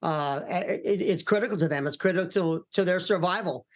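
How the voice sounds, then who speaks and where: A middle-aged American man giving calm, explanatory analysis as an expert guest in a news interview, often repeating words haltingly. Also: high voice. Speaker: retired military commander and hostage expert guest.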